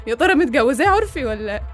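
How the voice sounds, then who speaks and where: A woman with an Egyptian accent playing a stern eldest sister who raises her younger siblings, commanding and reproachful, over soft music. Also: high-pitched, animated, normal speed. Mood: bitter. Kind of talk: radio drama acting.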